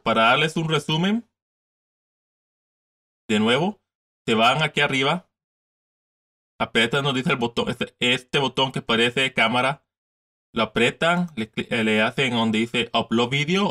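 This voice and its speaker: A man in his thirties hosts a casual, step-by-step screen tutorial from his desk, repeating steps and mixing in English words. His voice is medium-pitched with a sharp tone.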